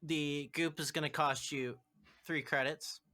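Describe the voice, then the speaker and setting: Bright-voiced man running a tabletop game. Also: on the high side, fairly even intonation, measured pace. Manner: loose, chatty, laughing with players. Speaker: game master.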